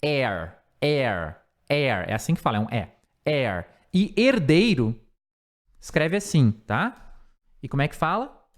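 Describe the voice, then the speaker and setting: A Brazilian man teaches English, his pitch moving in a lively way as he explains grammar. He repeats words slowly over and over so the sounds come through. His voice sits a little above the usual male range. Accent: Brazilian Portuguese.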